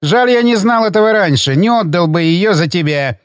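A man's voice: high voice, lively intonation, normal speed, clean tone, dry recording, clean studio sound. A man reading an audiobook, voicing a domineering older hotel owner who barks and bullies. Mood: furious. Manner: barking, bullying, shouting.

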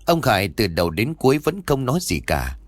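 A man's voice: fairly low pitch, brisk, no echo. A man narrating a scripted horror story and voicing its characters himself. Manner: lively, voices the characters' dialogue himself.

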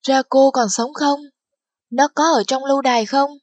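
A woman's voice: sits high, fairly even intonation, moderate pace, no room sound, voice pushed up, natural voice. Woman whispering as an anxious noble mother. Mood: urgent. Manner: hushed, urgent.

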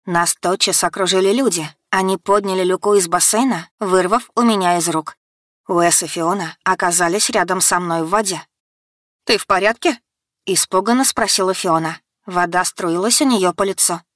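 A woman narrating a first-person audiobook in a steady, dramatic storytelling manner. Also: lowish voice, moderate pace, dry recording, clean studio sound.

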